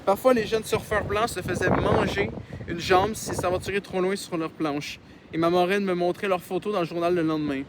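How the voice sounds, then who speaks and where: A man's voice: high-pitched, steady tone, fairly quick, noisy background. A man reading a novel aloud outdoors in casual style, stumbling over words and breaking off into sarcastic, swearing asides. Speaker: audiobook reader. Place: outdoors in the wind.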